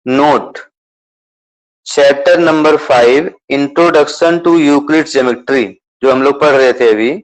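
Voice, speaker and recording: A man's voice: medium pitch, drawn-out words, low-quality recording. A man teaching mathematics, going over a syllabus, who repeats key points and keeps asking students whether they understood. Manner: repetitive, checks understanding with questions; mixes English terms into Hindi explanation. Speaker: math teacher.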